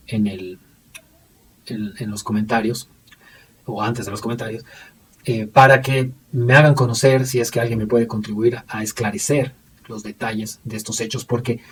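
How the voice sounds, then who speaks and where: A man explains history in a loose, unscripted presentation, often stopping on fillers and going back over his own words. His voice sits at an ordinary middle pitch. He is set back from the microphone, with a faint hiss underneath. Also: recorded from a distance. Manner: hesitant, many fillers and restarts.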